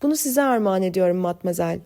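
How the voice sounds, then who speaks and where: A woman's voice: lowish voice, expressive, quick pace, mellow. A woman voicing a grieving man who speaks formally and courteously in an audiobook story. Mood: solemn. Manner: formal, solemn.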